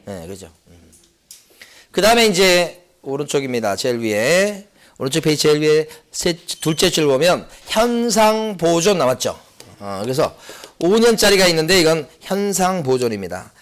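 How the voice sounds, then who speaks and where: A middle-aged man giving an exam prep lecture, asking rhetorical questions and repeating key points. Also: fairly high pitch. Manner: lively, rhetorical questions and repetition.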